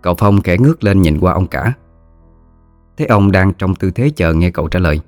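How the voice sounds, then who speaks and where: A man narrating a story in a measured, dramatic way. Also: deep voice, expressive, dry recording, soft background music.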